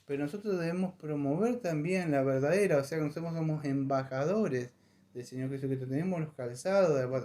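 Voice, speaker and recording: A man preaching a conversational sermon in a church, animated and acting out voices in his stories. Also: mid-range voice. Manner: animated, acts out voices in anecdotes. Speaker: pastor.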